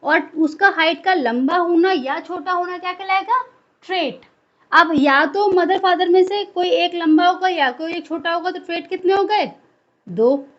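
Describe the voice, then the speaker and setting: A woman's voice: very high-pitched, moderate pace, muffled recording. A woman teaching a biology class in a lecture style, asking questions and answering them herself.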